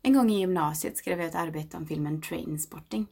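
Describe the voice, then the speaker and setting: Woman, 30s, gravelly low voice; slow intimate meditative reading with whispered passages. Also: warm tone. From Sweden. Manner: slow, reflective and intimate, often dropping to a whisper. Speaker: narrator.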